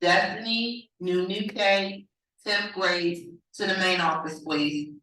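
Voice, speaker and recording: A woman making a formal school office announcement over the intercom, slowly repeating her call. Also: mid-range voice, fairly even intonation. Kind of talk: public address announcement. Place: school classroom, heard over the speaker. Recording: echoey distant PA loudspeaker.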